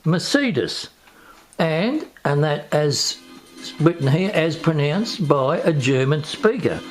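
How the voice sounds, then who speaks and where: An Australian man hosting a casual talk to camera, rambling and digressive, hesitant and unhurried. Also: a little high, animated, soft background music. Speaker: video host.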